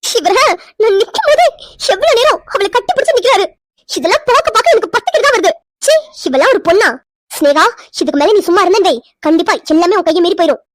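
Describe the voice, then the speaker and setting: A woman's voice: very high-pitched, fast, no room sound, clean studio sound. A woman voicing a jealous young woman in a cartoon, shrieking and upset. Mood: jealous, shrill. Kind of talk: cartoon voice acting.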